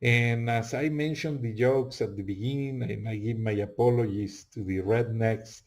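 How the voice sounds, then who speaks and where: A man's voice: medium pitch, normal speed, a little mellow. A male host with a heavy Spanish accent and broken English, talking earnestly in a casual monologue and often repeating his phrases.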